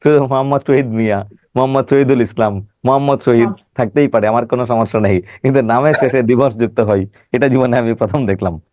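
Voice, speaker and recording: Middle-aged man, teacher with a cold, mid pitch, dry close sound, teasing students on a video call. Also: fast, a little mellow, no echo. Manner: joking, scolding students by name. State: has a cold. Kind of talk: online class lecture with teasing banter.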